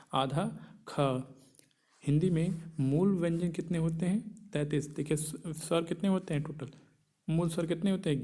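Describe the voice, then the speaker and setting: A man's voice: a little high, warm tone. A male teacher giving an exam-prep grammar lesson, posing questions and answering them himself and repeating key points.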